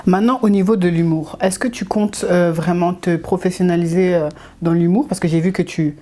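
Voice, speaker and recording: Mellow-voiced woman interviewer. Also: lowish voice, fairly even intonation, a little fast. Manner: long winding questions. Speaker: interviewer, host. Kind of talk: interview questions.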